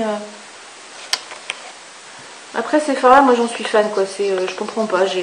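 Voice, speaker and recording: A woman chatting enthusiastically through a makeup review, with many fillers and asides. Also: fairly high pitch. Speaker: beauty vlogger. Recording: echoey room with faint hiss.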